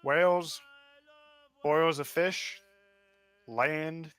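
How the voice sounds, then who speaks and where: A man's voice: on the high side, steady tone, very slow, a bit bright, clear, resonant tone. A man voicing a hesitant, laconic sailor lookout in a tabletop game, giving terse, wry answers. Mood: matter-of-fact. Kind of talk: tabletop role-play.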